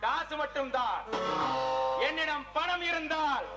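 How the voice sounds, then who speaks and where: A man's voice: extremely high pitch, a little slow. A man playing a greedy, ruthless villain, declaiming in a village stage drama. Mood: boastful. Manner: menacing, boastful stage declamation. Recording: echoey open-air stage with loud music.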